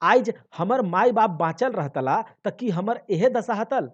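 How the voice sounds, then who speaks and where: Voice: medium pitch, expressive, a little slow, voice pushed up. A teacher voicing a poor, hungry village wife who complains bitterly and wails in a play reading. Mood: wailing. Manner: complaining, scolding. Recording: dull lo-fi.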